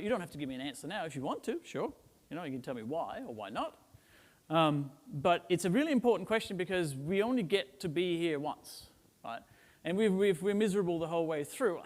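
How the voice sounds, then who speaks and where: A middle-aged man from Denmark giving a casual, joking conference talk to a live audience, often tagging "right?" onto his points. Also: fairly high pitch. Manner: chatty and joking, with frequent "right?" tags and "um" fillers. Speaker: conference speaker. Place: large conference hall. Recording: reverberant conference hall.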